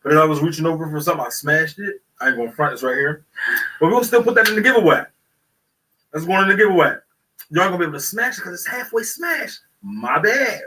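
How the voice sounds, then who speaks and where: A man hosting a talk show, excitable and profane. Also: a little high, fast talker, recorded from a distance, noisy background. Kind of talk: casual chat.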